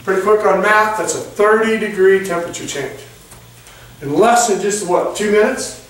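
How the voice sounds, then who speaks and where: A man's voice: high-pitched, moderate pace, a bit bright. A man giving a live product demonstration, reading temperatures aloud and checking in with the audience with a folksy "okay?". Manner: reads out numbers like an auctioneer. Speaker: product presenter. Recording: echoey room, mic far off.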